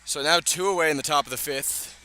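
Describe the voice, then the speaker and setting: Fairly quick and sharp-toned, a man with a voice on the high side calls a baseball game live on radio. He talks in a conversational way with casual asides, and the recording from the outdoor ballpark carries clear ambient outdoor noise.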